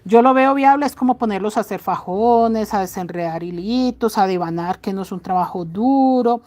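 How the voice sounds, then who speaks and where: A middle-aged woman chatting casually to her viewers, loud-voiced and fond of affectionate diminutives. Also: mid-range voice, normal speed. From Colombia. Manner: speaks loudly. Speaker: crochet channel host.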